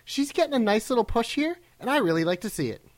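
A man co-hosting a podcast in casual fan banter, excitable and a little showy. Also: very high-pitched, fast talker. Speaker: podcast co-host.

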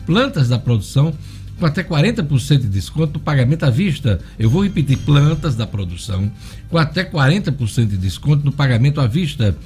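A man's voice: mid-range voice, sing-song, brisk, a little mellow, soft background music. A man with a Northeastern Brazilian accent, a radio host reading a hard-sell ad with emphatic repetition of the offers. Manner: emphatic, repeats key offers.

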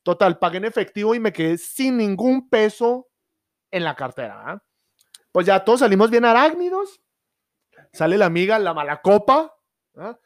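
High-voiced man, crude banter. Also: very animated, moderate pace, no echo, clean studio sound. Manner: crude slang-heavy storytelling. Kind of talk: casual chat.

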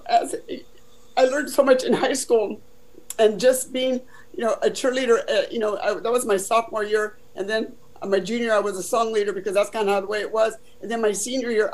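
With a deep, slightly mellow voice, an older woman from Southern California recounts her life in a relaxed, talkative interview peppered with "you know." The recording quality is rough.

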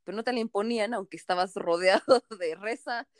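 A woman's voice: medium pitch, no room sound, clean studio sound. A woman hosting a casual chat with an old friend, bubbly and teasing. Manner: bubbly, teasing, quick to laugh. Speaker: podcast host.

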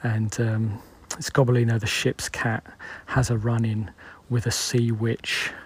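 A man's voice: medium pitch, flat delivery, unhurried, husky. A British man in his forties, host of a solo podcast, musing aloud in a loose, rambling way.

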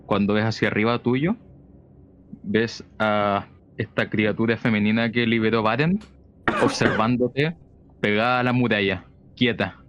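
Low-voiced man narrating as game master. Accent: Chilean Spanish. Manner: calm, measured scene description. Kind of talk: narrating a tabletop role-playing game. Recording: dull lo-fi mic with faint noise.

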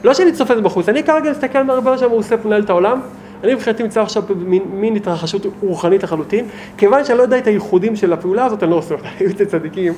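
A rabbi, a man with a notably high voice, teaching a small group. He talks in an animated, emphatic way and keeps putting rhetorical questions to his listeners, with faint noise in the background.

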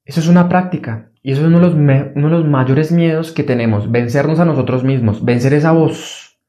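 Man, motivational monologue, earnest and repetitive, slightly high voice. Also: fairly quick, mellow. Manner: earnest, repetitive, acts out a fearful inner voice in a higher pitch. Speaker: motivational speaker. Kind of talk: motivational self-help monologue.

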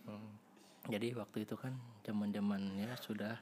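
A man's voice: fairly low pitch, little pitch movement, normal speed, darkish tone. A young man, speaking through a voice changer as a guest in a casual confessional chat, hesitant and full of fillers and restarts. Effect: voice changer disguising his voice. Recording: noisy recording.

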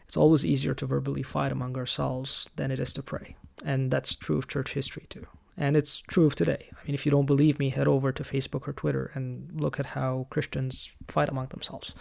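Gravelly-voiced man explaining church history. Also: medium pitch, a little mellow. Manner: raised in the Coptic Orthodox Church. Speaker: podcast host. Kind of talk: solo teaching podcast.

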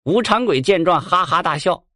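Lively male folk-tale storyteller. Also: high voice, moderate pace, no echo, clean studio sound. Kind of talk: folk ghost story narration.

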